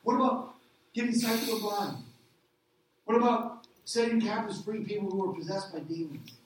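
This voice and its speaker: A middle-aged man preaching a sermon as a pastor, animated, asking rhetorical questions and acting out little voices. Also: high voice, normal speed, slight background noise. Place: church hall. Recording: echoey hall, distant mic.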